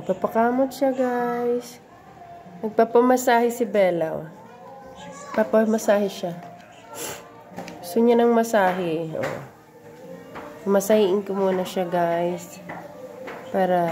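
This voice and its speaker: A woman's voice: mid-range voice, mellow. A woman vlogging casually and cooing in baby talk to a small pet dog. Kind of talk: casual vlog chat.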